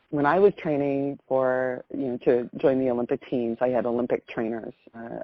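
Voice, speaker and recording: A rumbling low female voice comes through a dry but muffled phone call recording. The caller is a middle-aged American woman who casually tells a personal story, gushing and rambling as she goes.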